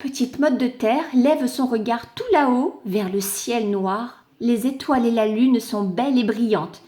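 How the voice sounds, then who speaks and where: A young woman reading a children's story aloud, gently explaining words for small children. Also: fairly high pitch, unhurried.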